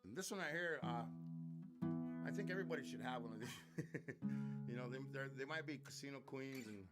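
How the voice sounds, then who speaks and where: Male folk singer, mid-pitched, shy halting stage banter, slightly winded, loud guitar underneath. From North Dakota reservation. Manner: halting and shy, many fillers and restarts. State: a little out of breath. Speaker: singer-songwriter and storyteller. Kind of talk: on-stage talk between songs. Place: live concert stage. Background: guitar music.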